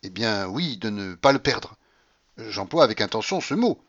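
A man's voice: fairly low pitch, sing-song, moderate pace, fairly bright tone, muffled recording, exaggerated voice. A man voicing a haughty, scornful Frenchman who speaks with emphatic contempt.

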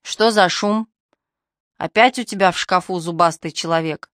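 A woman voicing a sleepy father who speaks in a drowsy monotone. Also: on the low side, normal speed, no room sound, studio quality, lightly acted.

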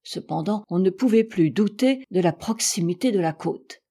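A woman narrating a classic adventure novel as an audiobook, measured and expressive, with dramatic rises in her voice. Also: mid-range voice, breathy edge. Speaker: audiobook reader.

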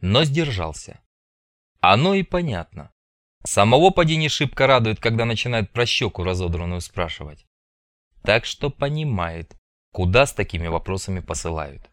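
Lively male audiobook narrator. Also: on the low side, normal speed, no echo. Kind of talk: scripted narration.

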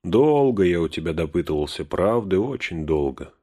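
A man voicing a calm, probing old male wizard who turns stern and warning, in a storybook reading. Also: sits low. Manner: measured, steady, warning.

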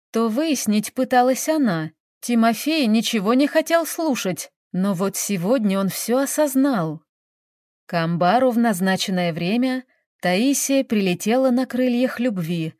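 A woman narrating a village story in an expressive reading voice. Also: medium pitch, dry recording, clean studio sound.

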